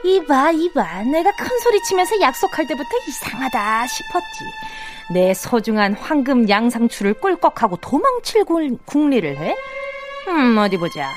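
A woman's voice: high voice, very animated, moderate pace, music in the background. A woman playing a possessive, menacing witch mother in a comic fairy-tale audio drama, theatrical, scolding and commanding. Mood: sinister, gloating.

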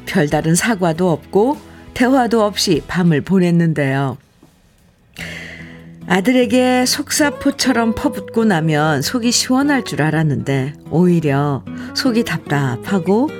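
A woman radio host reading a listener's letter aloud in a measured storytelling voice. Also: on the low side.

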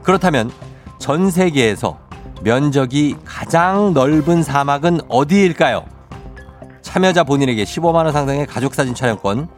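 A man's voice: fairly high pitch, animated, normal speed. A man hosting a live radio quiz like a game show host, drawing out questions and announcements for suspense. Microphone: close studio microphone. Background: music bed.

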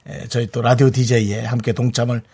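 A man's voice: medium pitch, little pitch movement, a little fast, dark tone, breathy edge. A middle-aged man hosting a live radio show from a studio, teasing his co-host and hyping up visiting children.

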